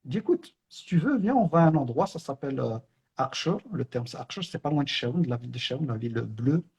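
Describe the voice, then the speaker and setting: Middle-aged male teacher; fast, husky, earnest spiritual reminder. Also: mid-range voice, lively intonation, a little mellow. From Belgium, Brussels. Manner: earnest, conversational storytelling with many fillers. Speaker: online Islamic teacher.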